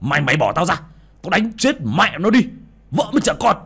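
Raspy, high-strung old village man, hollering with rage, as a narrator puts him on. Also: very animated, fairly quick, exaggerated voice. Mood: raging. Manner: shouting, cursing. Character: furious old village man, violent temper.

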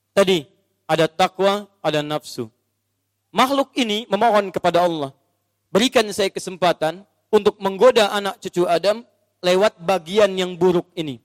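Male preacher, high-pitched, storytelling sermon with acted scenes, recorded with a long hall echo. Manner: storytelling, acts out scenes and quizzes the audience.

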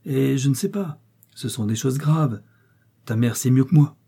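Hesitant old peasant father, dark husky voice, read by a man. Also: mid-range voice, expressive, measured pace, exaggerated voice. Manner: hesitant, deferring.

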